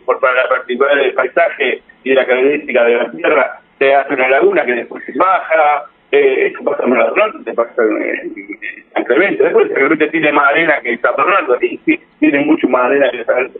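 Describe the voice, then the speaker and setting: In easygoing guest chat, a man with an Argentine Spanish accent wanders from point to point and restarts what he's saying. His medium-pitched voice is animated at a moderate pace, and the sound is thin and tinny.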